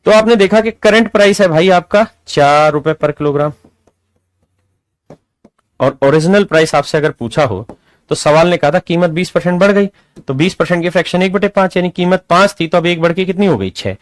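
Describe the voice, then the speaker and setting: A man's voice: sits high, normal speed, no echo. A man teaching a math lesson to a class in a folksy, coaxing way, often checking that students follow and calling them his dear children. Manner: asks frequent check questions.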